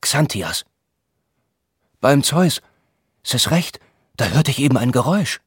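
A man's voice: medium pitch, sing-song, a little fast, fairly bright tone, husky, no room sound, studio quality, pitched above the performer's own voice, exaggerated voice. A man voicing a frightened male servant in a Greek comedy, read aloud in an audiobook. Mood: alarmed. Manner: alarmed, exclaiming. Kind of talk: audiobook reading.

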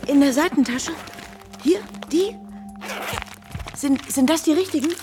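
A woman's voice: mid-range voice, expressive, measured pace. An actress playing a caring female friend who presses with concerned, probing questions in an audio drama. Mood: urgent. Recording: music playing underneath.

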